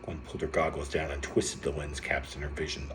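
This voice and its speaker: A man with a very low voice reads an adventure story aloud. He keeps it lively, jumping up in pitch for emphasis and now and then tripping over a word. A faint hiss sits under the voice. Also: brisk. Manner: lively read-aloud with bursts of raised pitch and some stumbles.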